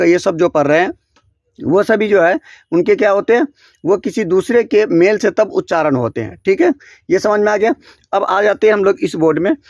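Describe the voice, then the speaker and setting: A man with a fairly high voice teaches a grammar lesson, posing each question and answering it himself in a steady drill. He often stops to restart or correct a word. The sound is dry and close, with little room echo. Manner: frequent self-corrections and restarts. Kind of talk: classroom-style grammar lesson. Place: small room beside a board.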